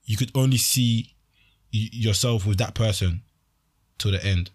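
A man's voice: fairly low pitch, a little slow, slightly rough. Emphatic young London man, repeating himself. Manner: repetitive, emphatic, slangy. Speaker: podcast panelist. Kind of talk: casual chat.

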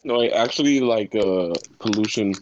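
A young man chatting casually and haltingly, peppering his sentences with filler words, on slightly dull audio. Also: lowish voice, darkish tone, slight background noise. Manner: halting, full of "like". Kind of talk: casual chat.

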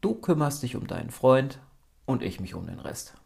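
A man reading as a calm, kind innkeeper woman. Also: medium pitch, moderate pace, gravelly, voice pushed up.

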